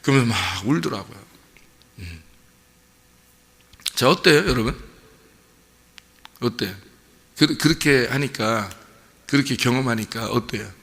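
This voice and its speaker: Pastor, male, gravelly and bright, sermon in a hall with long reverb. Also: medium pitch, a little slow, long pauses. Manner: storytelling, animated, addresses congregation with questions. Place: church sanctuary.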